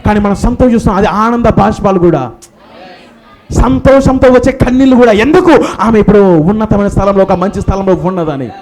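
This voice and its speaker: A man's voice: sits high, fairly quick, a little mellow. A man preaching a sermon at a church memorial service, emphatic and firing rhetorical questions, with English phrases mixed in.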